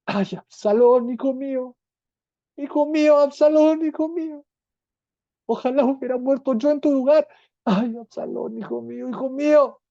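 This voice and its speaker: A Bible teacher voicing a grieving old king who laments his son in a high, wailing tone during a dramatic Bible reading. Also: fairly even intonation, moderate pace, gravelly, warm tone, no room sound, muffled recording. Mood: wailing grief.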